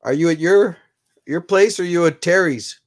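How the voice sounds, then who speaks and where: Streaming live from his room, a middle-aged man with a congested, high voice chats in a casual, rambling way at normal speed, calling out viewers by name as he goes.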